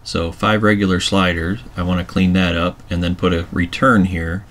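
A man calmly walking through a website editing tutorial step by step, with keyboard typing behind him. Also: sits low, moderate pace, slight background noise. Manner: calm step-by-step explaining while working. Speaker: tutorial presenter. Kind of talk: screencast software tutorial.

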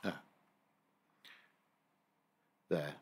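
Speaking at a normal pace in a slightly mellow voice, an English paranormal investigator goes through security camera footage at his computer. His screen-recorded commentary is casual and rambling, full of fillers and restarts.

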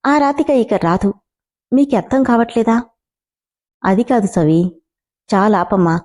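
A woman voicing a sharp-tongued, protective young woman who speaks indignantly, in a spoken storybook. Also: a little high, lively intonation, measured pace. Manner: indignant, heated.

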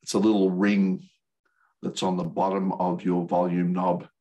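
This deep, mellow male voice is flat and unhurried. It belongs to an older licensed radio operator giving an explanatory talk in a remote video call webinar. His delivery is plain-spoken and halting.

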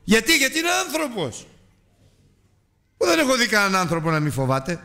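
A man's voice: sits high, wildly swooping pitch, bright, forceful tone. A man preaching a Sunday sermon, emphatic, asking rhetorical questions and drawing out key words.

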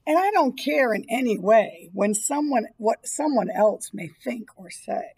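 A woman in her fifties reads a children's picture book aloud as a teacher would, in a small indoor school room or library. Her slightly high voice has lively intonation, a measured pace, a darkish tone and a breathy edge.

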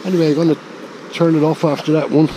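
A man from Ireland talks casually into a head-mounted camera while he hauls in rope on a riverbank. He chuckles wryly at each small find. Wind noise comes through clearly around his voice outdoors. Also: fairly high pitch, level tone, fast talker, warm tone, low-quality recording. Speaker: magnet fishing vlogger. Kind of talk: casual running commentary. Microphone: head-mounted action camera.

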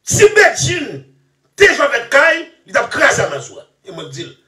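A man talking in a rambling, excitable way, laughing often and trailing off into mumbles. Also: very high voice, normal speed. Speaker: musician interviewee. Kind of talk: animated rambling interview talk. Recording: echoey room, far from mic.

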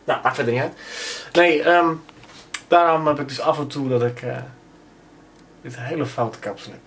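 Holding a camera at arm's length, a young man vlogs casually while moving from his attic room out to the street and then a train. His voice is a little high and a bit bright at a moderate pace, rambling with many fillers, and the audio has a little hiss or hum.

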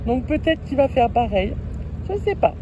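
A woman's voice: sits high, very animated, normal speed, background noise. A French woman chatting casually on her road-trip vlog, outdoors at a camper stop, fondly talking to her cat between remarks. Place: outdoors at a camper van area.

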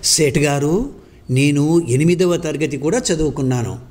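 A man's voice: a little high, normal speed, darkish tone, natural voice. A man voicing a humble young laborer who earnestly and respectfully pleads to learn music. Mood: earnest pleading.

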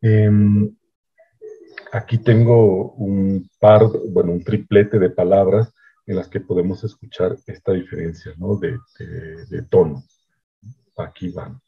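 A man giving a measured academic lecture, often checking in with his listeners. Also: deep voice, steady tone, gravelly, slightly rough. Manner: explanatory, measured, frequent "¿no?" checks. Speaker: linguistics researcher giving a lecture. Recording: dull lo-fi online talk audio.

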